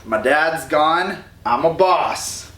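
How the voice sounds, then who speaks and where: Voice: mid-range voice, animated, drawn-out words, fairly bright tone. A tipsy storyteller voicing a boastful Titan king who talks in street slang. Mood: swaggering. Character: swaggering slangy Titan king, greedy and paranoid. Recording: roomy echo, distant mic.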